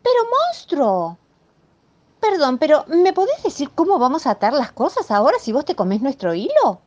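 A woman's voice: high-pitched, huge pitch swings, normal speed, darkish tone, pitched above the performer's own voice. A woman voicing a polite lady with a Rioplatense accent, indignant and scolding a rude monster, on a dull lo-fi recording. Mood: exasperated scolding. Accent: Rioplatense Spanish. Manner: shocked, scolding.

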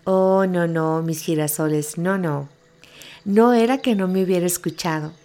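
A woman hosting a podcast, telling personal stories in a reflective, gently humorous way. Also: fairly low pitch, moderate pace. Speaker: podcast host. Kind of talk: personal storytelling monologue. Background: faint background music.

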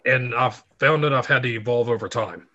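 Bright-voiced man telling stories. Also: medium pitch, fairly quick, muffled recording. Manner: animated anecdote teller, acts out quotes. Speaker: guest, fitness writer. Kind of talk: casual interview storytelling.

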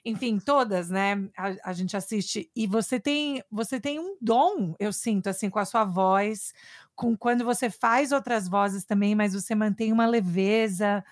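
A woman's voice: medium pitch, a little slow, dry recording, clean studio sound. A Brazilian woman in her thirties hosting an interview, enthusiastic and asking long, winding questions. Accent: Brazilian Portuguese. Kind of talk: casual interview chat.

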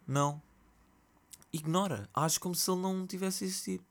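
A young man with a European Portuguese accent hosting a solo podcast late at night, telling a story in an animated, slangy, ranting way while sleepy. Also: high voice, moderate pace. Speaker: podcast host. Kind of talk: casual solo podcast monologue. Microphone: computer mic.

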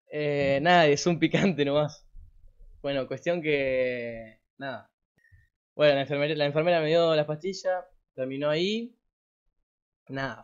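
Teen Argentine male streamer, high-ish voice, loose slangy swearing delivery, muffled lo-fi mic. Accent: Argentine Rioplatense Spanish. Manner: rambling, slangy, swears freely. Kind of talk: casual storytelling to a live audience. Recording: dull lo-fi recording.

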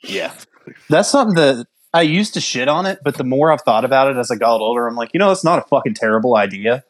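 A man's voice: medium pitch, animated, quick pace. A man in his thirties, a former infantry soldier, talking bluntly and profanely in casual chat. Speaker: army infantry veteran.

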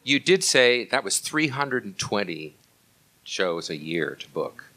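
A man's voice: fairly low pitch, big pitch swings, unhurried, bright, forceful tone. A man acting as interviewer, asking questions in a conversational style.

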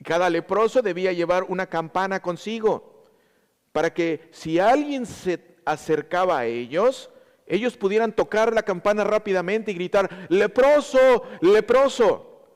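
A man's voice: high-pitched, moderate pace, long reverb tail. A man preaching a sermon to his congregation, teaching with repeated emphasis and speaking to them directly.

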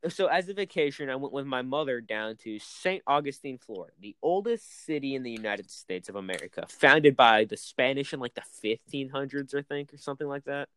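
A man's voice: mid-range voice, animated, a little fast, hardly any pauses, a bit bright, clear, resonant tone, no room sound. A man co-hosting a casual podcast, telling spooky stories in a playful, rambling way.

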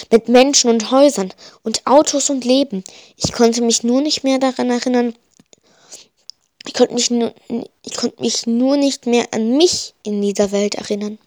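A woman's voice: medium pitch, no echo, clean studio sound. A woman reading a first-person story aloud, with frequent slips and restarts. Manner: reads with frequent slips and restarts, rising to panicked shouts in dialogue. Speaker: audiobook reader.

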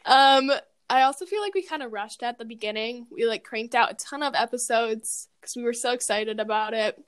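A young woman co-hosting a podcast in casual chat, relaxed and reflective, her voice going hoarse. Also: a little high, normal speed. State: losing her voice. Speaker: podcast co-host. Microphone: recording remotely.

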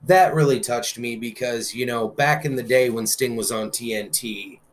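Male co-host, casual and eager fan, mid-pitched, filler-heavy. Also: moderate pace. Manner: excited fan talk with frequent "um" fillers and some cursing. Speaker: podcast co-host. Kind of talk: casual wrestling news chat.

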